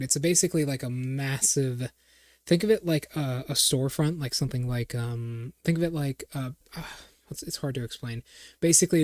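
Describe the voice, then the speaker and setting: A man's voice: medium pitch, a little mellow, no room sound, studio quality. A man narrating a tabletop game as game master, rambling and searching for words as he explains.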